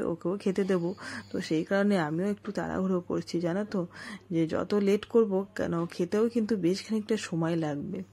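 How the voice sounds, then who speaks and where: A woman's voice: mid-range voice, a little mellow, breathy edge. A woman in her thirties chatting casually to her viewers at home, rambling on about her day as a family vlogger. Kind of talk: casual home vlog chat.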